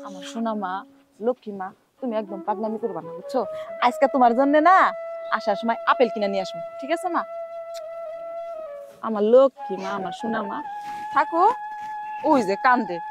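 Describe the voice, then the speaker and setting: A woman's voice: a little high, wildly swooping pitch, brisk, long pauses, over music. A tearful young village woman. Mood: pleading. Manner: tearful, pleading. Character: poor young village woman, sorrowful and tender. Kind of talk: TV drama acting.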